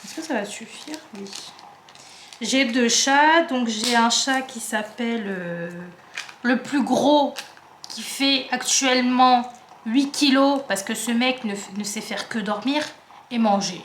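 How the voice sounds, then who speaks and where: Speaking slowly in a somewhat bright, high-leaning voice, a Paris-suburbs woman in her twenties chats and meanders while she sorts craft supplies at home, stopping herself mid-sentence now and then; she's a craft vlogger. The space is reverberant, with slight background noise.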